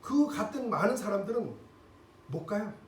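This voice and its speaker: A male pastor delivers a lively sermon with a high, swooping voice, acting out the people in his story and checking in with the congregation. He sounds a little off the microphone in an echoey church hall, with a faint hum of room noise behind him. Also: moderate pace, far from the mic. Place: church sanctuary.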